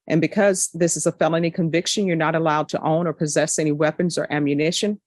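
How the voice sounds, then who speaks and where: A woman's voice: low-pitched, fairly even intonation, no echo. A woman judge speaking firmly and directly at a courtroom hearing, addressing defendants. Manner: firm, measured, direct.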